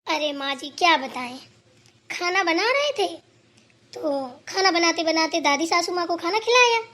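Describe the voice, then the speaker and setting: A woman's voice: very high voice, fairly bright tone, heavily acted. A woman voicing a dutiful, chatty young daughter-in-law in a cartoon who explains herself at length. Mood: explaining. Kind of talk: cartoon voice acting.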